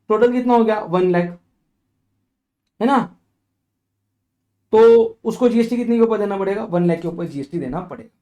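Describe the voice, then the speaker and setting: A man teaching a tax revision lecture, working through examples and often asking if it is clear, with English legal phrases read out slowly. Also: very high voice, dark tone. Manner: explains with worked examples and checks for understanding.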